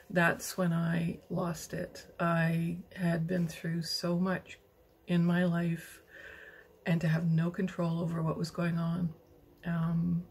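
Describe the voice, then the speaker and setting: A middle-aged woman from western Canada telling her personal story in a slow, halting, emotional way, with many pauses and restarts. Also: fairly low pitch, creaky, darkish tone, husky. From British Columbia, Canada. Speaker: interviewee. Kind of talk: personal testimony.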